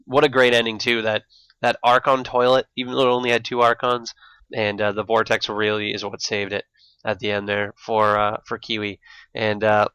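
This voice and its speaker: A man with a lisp and slushy s sounds, giving excitable live esports commentary and thinking aloud. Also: lowish voice, moderate pace, clean tone, no echo, poor audio. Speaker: esports shoutcaster. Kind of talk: live StarCraft match commentary.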